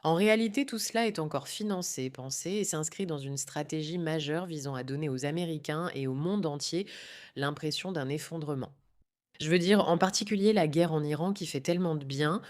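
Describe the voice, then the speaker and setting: A woman with a notably low voice hosts a commentary segment. She delivers each point emphatically, with a steady indignant edge. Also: brisk. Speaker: commentary show host. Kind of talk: opinionated political commentary.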